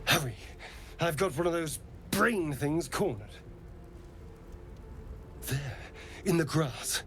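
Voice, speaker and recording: Video game role: trapped man, urgent calls for help, slightly high voice. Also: takes it slowly, fairly bright tone, a little hiss or hum.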